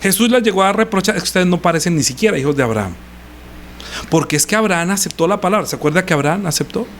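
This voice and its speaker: A man's voice: sits high, expressive, fast talker, fairly bright tone, slight background noise. A middle-aged man preaching a sermon in a conversational style, often asking the congregation rhetorical questions. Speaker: pastor. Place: church.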